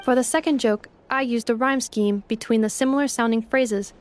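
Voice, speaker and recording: A woman voices a polite robot maid in a video game, explaining things formally, literally, and earnestly. Her slightly high voice is close to an everyday one, fairly even at normal speed, with soft music in the background.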